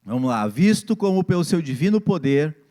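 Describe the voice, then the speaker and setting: A man's voice: a little high, very animated, moderate pace, dark tone. A man, preaching a sermon as pastor and acting out family scenes in different voices.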